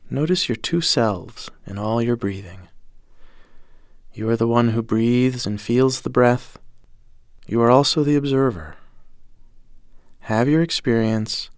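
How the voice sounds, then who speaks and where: A man gently narrating a scripted guided breathing meditation in a calm, measured way, with soft phrase endings. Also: mid-range voice, no room sound, clean studio sound. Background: music.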